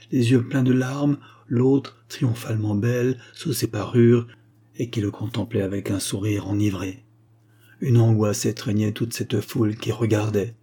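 Husky, dark-toned male narrator. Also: medium pitch. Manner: measured, dramatic reading. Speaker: audiobook narrator. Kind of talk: literary audiobook narration.

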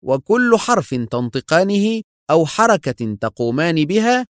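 A man voicing a composed male secret agent hero in an audiobook, speaking calmly and firmly. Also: medium pitch, brisk, dry recording, studio quality, pitched above the performer's own voice, close to an everyday voice. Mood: stern. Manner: calm, firm, controlled.

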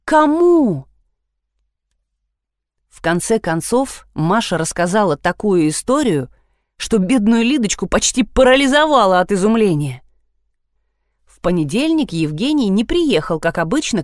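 A woman narrating a novel in a measured, expressive reading voice. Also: medium pitch, dry recording, studio quality. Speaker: audiobook narrator. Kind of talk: scripted narration.

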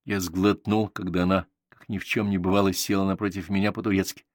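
A man narrating a story aloud in even storytelling style, close to the microphone. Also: sits low, quick pace, no room sound. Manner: even storytelling, voicing each character. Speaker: audiobook narrator. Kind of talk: audiobook narration.

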